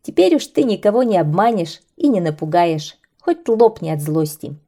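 A woman's voice: lowish voice, sing-song, moderate pace, dark tone. A woman voicing an earnest little boy who scolds a kite, in a children's story. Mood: indignant.

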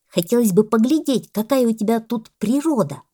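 A woman voicing a fussy, self-important male parrot who talks loudly and lectures. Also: on the high side, lively intonation, moderate pace, breathy edge, pitched above the performer's own voice. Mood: stern. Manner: loud, bossy and lecturing.

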